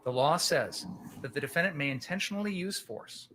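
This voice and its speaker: A man's voice: on the high side, expressive, brisk, pushed and bright, slight background noise. A man speaking as a prosecutor, giving a passionate, emphatic closing argument to a jury, using pointed rhetorical questions and repetition.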